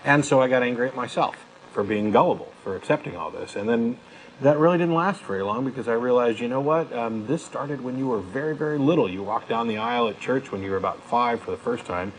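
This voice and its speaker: A male talk show co-host speaks fast and emphatically in a conversational way, reasoning through his own views in a personal reflection. His voice is mid-range, and the low-quality recording carries clear background noise and room ambience.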